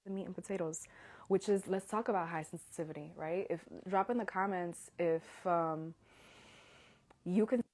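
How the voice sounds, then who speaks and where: A woman's voice: lowish voice, moderate pace, a little mellow. Earnest woman on a heartfelt live stream. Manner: heartfelt, earnest, drops to whispers when moved. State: holding back tears. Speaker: host of an Instagram Live. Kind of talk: emotional casual live stream talk.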